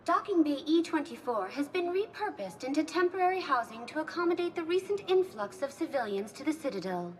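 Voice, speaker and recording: A woman voicing a calm, polite female station guide AI in a video game, with a smooth, even-tempered manner. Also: sits high, brisk, few pauses. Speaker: information terminal.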